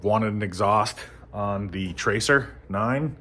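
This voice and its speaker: A man casually talking through motorcycle work in his garage, relaxed and rambling with many ums. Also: lowish voice, slow pace. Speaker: motorcycle vlogger. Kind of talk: casual how-to narration.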